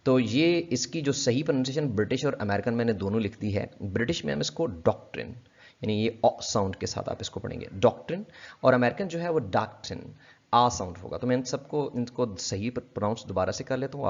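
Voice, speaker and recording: A man giving a casual pronunciation lesson, repeating each word slowly and addressing viewers politely. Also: mid-range voice, expressive. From Pakistan. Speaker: English pronunciation teacher. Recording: dull lo-fi audio.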